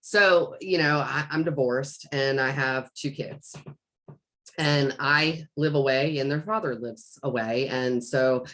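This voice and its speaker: A woman's voice: extremely low pitch, takes it slowly, a bit bright. A middle-aged woman in casual podcast conversation, rambling with many restarts and fillers as she tells a story from home. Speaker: life coach.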